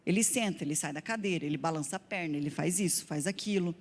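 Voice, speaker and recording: A woman's voice: on the low side, fast talker. A woman giving a conference talk to women, telling stories earnestly and acting out quotes. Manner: earnest, animated storytelling with acted-out quotes. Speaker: conference speaker. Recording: long hall reverb.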